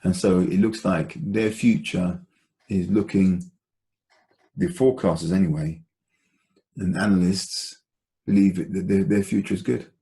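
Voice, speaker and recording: A man hosting an investment call walks through an informal stock analysis, explaining in a halting, deliberate and conversational manner. His voice is low and mellow, with fairly even intonation.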